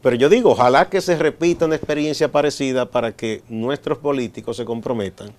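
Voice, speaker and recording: A man with a Dominican accent hosting a studio talk show, speaking in a measured, explanatory way with frequent pauses. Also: mid-range voice, a little mellow. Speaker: host.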